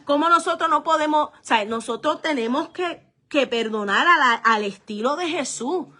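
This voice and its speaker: A woman pastor preaching with a high voice. Her tone is bright and forceful. She speaks earnestly to her listeners as brothers and often drops to a soft, slow delivery. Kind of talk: testimony sermon.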